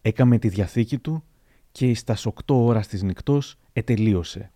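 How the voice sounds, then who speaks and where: A man narrating historical anecdotes aloud in a measured, storytelling manner. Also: lowish voice, mellow, no echo.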